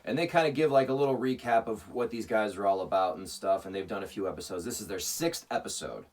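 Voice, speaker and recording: A man co-hosting a casual podcast, recapping a movie plot in an animated storytelling way. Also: fairly low pitch, fast talker. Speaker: podcast co-host. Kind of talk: casual chat, movie review. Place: remote, separate location. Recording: distant mic with faint noise.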